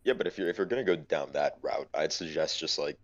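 A man's voice: very deep voice, lively intonation, fast talker, highs cut off. A man co-hosting a casual gaming podcast, laid-back and analytical about tactics.

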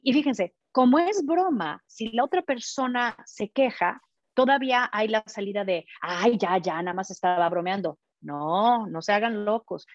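A woman therapist speaking about couple communication, often pausing with fillers and restarting her sentences. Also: medium pitch, no echo. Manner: hesitant, many fillers and restarts, acts out examples. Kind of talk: live talk on couple communication. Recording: dull muffled dry sound.

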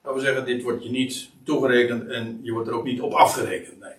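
A man's voice: mid-range voice, little pitch movement, quick pace, fairly bright tone. A man explaining a Bible passage in a hesitant, exploratory way, with frequent fillers and restarts. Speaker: Bible teacher. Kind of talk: explanatory Bible study talk. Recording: echoey room, distant mic.

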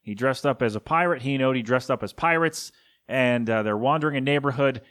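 A man's voice: medium pitch, brisk, fairly bright tone. A man hosting a casual solo podcast, rambling through listener suggestions with chuckling asides and lots of ums and uhs. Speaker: podcast host.

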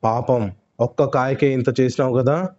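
A man's voice: medium pitch, fairly even intonation, moderate pace, a little mellow, voice pushed down, lightly acted. A man growling as a fierce tiger. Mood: threatening. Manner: growling, threatening. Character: fierce roaring tiger, angry. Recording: muffled lo-fi recording.

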